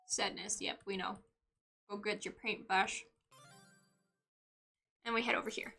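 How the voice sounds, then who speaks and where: A young woman streaming a game live, chatting playfully as she plays, with sudden loud outbursts and giggles. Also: medium pitch, steady tone, unhurried, faint music behind.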